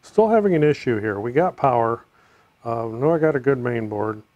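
A middle-aged American man narrating a hands-on repair casually, in a low-key way, as if muttering to himself while he works. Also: lively intonation, moderate pace, muffled recording. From United States. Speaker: DIY repair video host. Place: home room, indoors.

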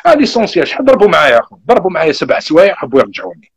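A young man with an Algerian Arabic accent, telling his own migration story in a casual, animated way and acting out the back-and-forth. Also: on the high side, breathy edge. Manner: animated, rapid retelling with quoted back-and-forth.

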